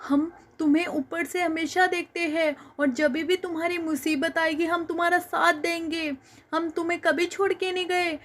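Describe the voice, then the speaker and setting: A woman voicing a loving departed father who soothes his crying daughter in a cartoon story, speaking softly. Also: very high-pitched, level tone, moderate pace. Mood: comforting.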